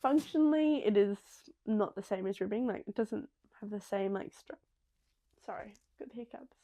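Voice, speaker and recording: A woman's voice: mid-range voice, expressive, brisk, dark tone. A young woman hosting a podcast, chatting casually and rambling with many ums and small restarts. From Australia. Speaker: podcast host. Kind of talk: casual chat.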